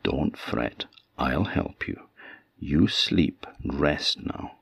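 A man voicing a calm, soothing magic doll. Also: a bass voice, drawn-out words, gravelly, breathy edge, no room sound, studio quality, full character voice. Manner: gentle, reassuring, quiet.

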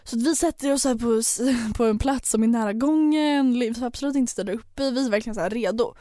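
A woman in her twenties co-hosting a podcast, chatting quickly and casually with lots of fillers. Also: on the high side, warm tone, no room sound, clean studio sound. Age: 20s. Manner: chatty, fast, full of fillers like "så här" and "liksom". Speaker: podcast co-host.

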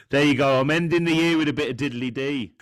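A man's voice: mid-range voice, fairly bright tone, dry recording, clean studio sound. A man, co-hosting a casual music podcast, jokey and chatty as he introduces songs. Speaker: podcast co-host. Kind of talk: casual chat about music.

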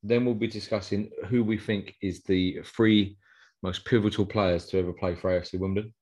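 A man speaks in a fairly low register with an Essex accent. He co-hosts a casual football chat. His phrasing is colloquial and slangy, like talk between mates. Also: steady tone, moderate pace, darkish tone, breathy edge. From Essex, England. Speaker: podcast co-host.

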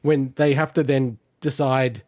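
A man's voice: medium pitch, a little slow, no echo, studio quality. An Australian man giving his opinionated take in a casual gaming chat. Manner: opinionated, animated rant. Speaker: podcast co-host.

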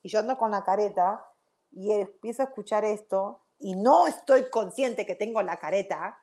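A woman giving a self-help talk to camera in an animated, chatty way that keeps checking in with the listener. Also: mid-range voice, normal speed.

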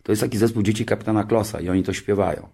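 A man in his sixties, a television show creator, telling an anecdote in a lively way. He often restarts his sentences and jumps into higher voices when he quotes other people. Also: racing, creaky, husky. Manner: frequent restarts and filler words. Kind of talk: anecdotal storytelling.

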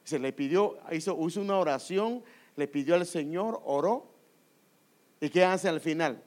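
A man's voice: fairly high pitch, moderate pace, darkish tone. A man preaching a sermon, emphatic and repetitive, often asking the congregation questions.

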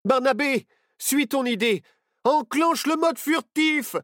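A man voicing an excitable young boy adventurer in a children's storybook, exclaiming a lot. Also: extremely high pitch, slow, no room sound, studio quality, voice pushed up, heavily acted. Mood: excited.

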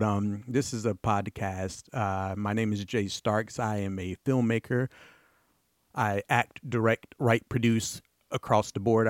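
A man hosting his own podcast in casual solo talk, excitable and rambling, with playful bursts of emphasis. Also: mid-range voice, no room sound, studio quality. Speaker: podcast host.

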